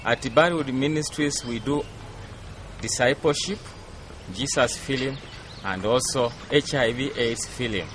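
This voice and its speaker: A man from Western Kenya on ministry staff, giving a steady, earnest personal testimony. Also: medium pitch, slow pace. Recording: noisy outdoor recording.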